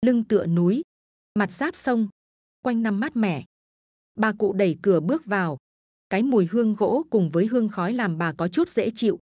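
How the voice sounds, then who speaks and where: A woman narrates a spooky village folk tale in a steady, even storytelling voice. The recording is dry and close, with no room echo. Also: mid-range voice, moderate pace.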